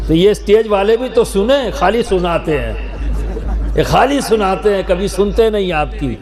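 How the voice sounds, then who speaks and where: A man preaching a sermon to a large gathering, asking questions and pushing the audience to answer aloud. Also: high voice. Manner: rhetorical, coaxes the crowd to answer aloud. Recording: echoey venue with loud crowd.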